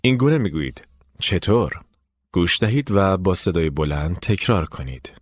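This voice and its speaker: In scripted lesson narration, an English teacher explains each step and invites listeners to echo him. He sounds very animated, his voice sits low, and the recording is studio quality with no room sound.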